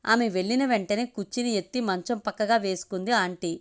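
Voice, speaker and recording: Lady reading a story out loud for an audio story channel, steady expressive voice. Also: medium pitch, brisk.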